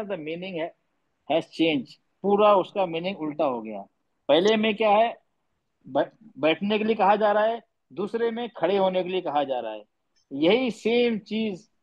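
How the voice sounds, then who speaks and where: A man's voice: high-pitched, lively intonation, unhurried, highs cut off. A man teaching tajweed in an online class, patiently quizzing students and repeating his points. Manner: mixes English words into speech. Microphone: online class audio.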